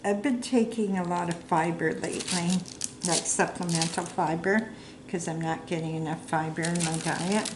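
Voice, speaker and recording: A woman's voice: lowish voice, fairly even intonation, moderate pace. A middle-aged woman chatting casually and rambling while she works on a craft project at home, sometimes putting herself down. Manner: rambling, chatty, self-deprecating. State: hiccups. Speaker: crafting vlogger. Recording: echoey room with clear background noise.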